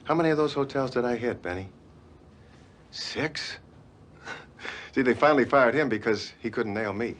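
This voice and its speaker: A man's voice: medium pitch, moderate pace, long pauses, fairly bright tone, a little hiss or hum, lightly acted. An actor playing a reformed cat burglar, a middle-aged man on parole who talks wryly and begs for help. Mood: mocking. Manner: wry, chuckling, then pleading. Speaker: ex-convict on parole.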